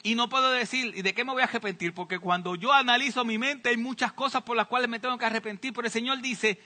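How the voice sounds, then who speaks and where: A man's voice: very high-pitched, steady tone, quick pace, bright, forceful tone. A man preaching a sermon as pastor, speaking earnestly to his congregation and repeating key phrases for emphasis.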